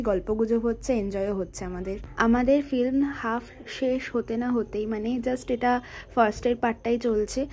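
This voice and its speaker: A woman's voice: a little high, darkish tone. A young woman vlogging in a casual, chatty way, mixing English phrases into her talk. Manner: chatty, mixes English into speech. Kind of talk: casual vlog chat.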